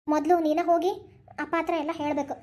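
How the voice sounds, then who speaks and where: Woman as a fearful young daughter in a cartoon, North Karnataka accent, quick delivery. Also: high-pitched, flat delivery, a little mellow, lightly acted. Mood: timid. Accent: North Karnataka Kannada. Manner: hesitant, fearful. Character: tearful, ashamed young married daughter. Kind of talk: cartoon voice acting.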